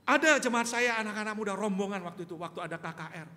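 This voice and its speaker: A man's voice: sits high, very fast, pushed and bright. A male pastor preaching a sermon in a conversational style, firing rhetorical questions at the congregation. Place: church sanctuary. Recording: reverberant church hall, faint ambience.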